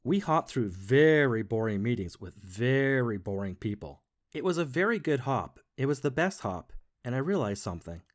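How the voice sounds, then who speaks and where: A man reading a children's storybook aloud as the first-person bunny narrator, playful and expressive. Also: mid-range voice, moderate pace.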